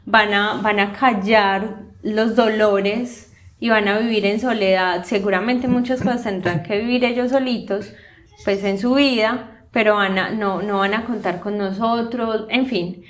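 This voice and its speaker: A woman's voice: mid-range voice, measured pace. A woman, co-hosting a casual talk and telling a family story with lots of fillers. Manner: storytelling, animated, many fillers. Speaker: podcast co-host. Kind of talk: casual conversation.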